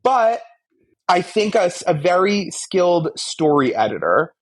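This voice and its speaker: This podcast co-host speaks in a high-pitched, very animated voice, a little slow. He offers casual but articulate media critique, building long, emphatic explanations in a relaxed discussion.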